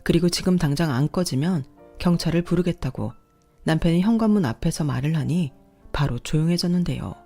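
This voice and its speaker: A woman tells a scripted first-person story in an even, steady way. Her voice sits low and mellow, with faint music underneath. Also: fairly quick. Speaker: story narrator.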